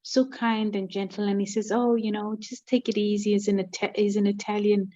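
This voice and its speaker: A woman's voice: mid-range voice, flat delivery, fairly quick, muffled recording. Heartfelt woman from Zimbabwe on a call. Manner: warm, heartfelt, hesitant fillers. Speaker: call participant. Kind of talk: casual sharing on a video call. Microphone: video call.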